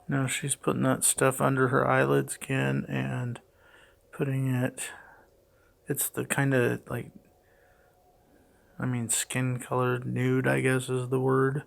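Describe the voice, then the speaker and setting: Gravelly man, flat delivery, breathing heavily. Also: mid-range voice, slow, pauses often. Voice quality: heavy, audible breathing; gravelly, creaky. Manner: hesitant, puzzled, matter-of-fact. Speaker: father doing a voice-over for his daughter's makeup video. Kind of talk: unscripted play-by-play narration.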